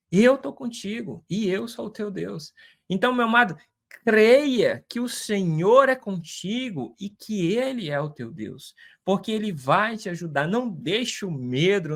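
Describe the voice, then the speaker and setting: A man's voice: fairly high pitch, fairly bright tone. A man giving an informal Bible lesson, talking conversationally, repeating phrases and checking in with tag questions. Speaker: Bible teacher.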